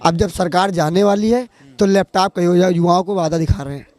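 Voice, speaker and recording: Brief: outspoken local man, very high pitch, fiery street-interview orator. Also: a little fast, a little mellow, no echo.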